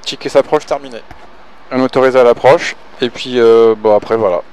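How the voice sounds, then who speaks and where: A man's voice: medium pitch, fairly even intonation, moderate pace, a little mellow, clear, resonant tone, low-quality recording. A man working as a pilot, calling out checklists and casually coaching, often thinking aloud between clipped callouts. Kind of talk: cockpit callouts and casual instruction.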